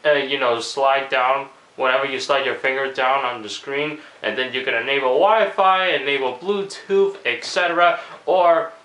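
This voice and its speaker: A man's voice: mid-range voice, steady tone, normal speed, few pauses, pushed and bright, roomy sound, low-quality recording. A man with a cold and a cracking voice, rambling casually through a video commentary with lots of fillers. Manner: rambling, many fillers and restarts. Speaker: tech vlogger.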